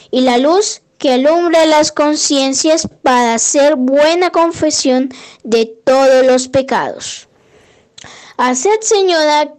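The prayer leader here is a woman whose voice is high and light. She takes every verse deliberately and without haste, her delivery devout and even, like a litany being read aloud.

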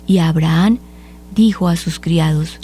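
A woman reading scripture aloud at a measured, solemn pace for a liturgy. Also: low voice, warm tone, slight background noise. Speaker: liturgical reader.

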